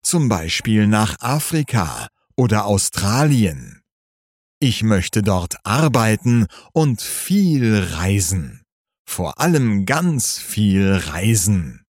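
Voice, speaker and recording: Man voicing bored restless teen boy, storybook figure, slow, lowish voice, dry sound. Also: very animated, a little mellow, no room sound, exaggerated voice. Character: bored restless teenage schoolboy, dislikes school.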